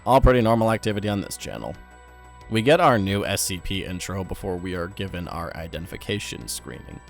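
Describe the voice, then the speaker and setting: A man's voice: low voice, animated, a little fast, gravelly, faint music behind. A young man giving wry, sarcastic commentary on horror videos.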